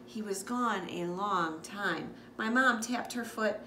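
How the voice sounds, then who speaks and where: A school librarian reads a children's picture book aloud expressively, adding asides to her listeners. Her mid-range voice takes it slowly. She's on a couch in a living room, and the room is echoey with background noise.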